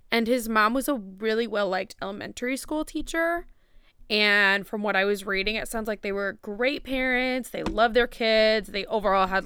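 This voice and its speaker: Woman, twenties, podcast host, casual true crime storytelling, chatty and slangy, smooth voice, dry closet recording. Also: medium pitch, fairly bright tone, dry recording. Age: 20s. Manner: chatty, informal, with slangy asides. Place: small closet at home.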